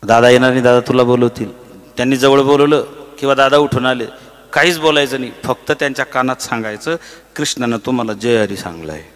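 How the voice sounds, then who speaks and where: Bright-voiced man preaching a kirtan. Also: medium pitch, fairly quick, clear, resonant tone. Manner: lively storytelling that breaks into chanted verses. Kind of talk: devotional kirtan sermon with storytelling and chanting. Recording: reverberant hall.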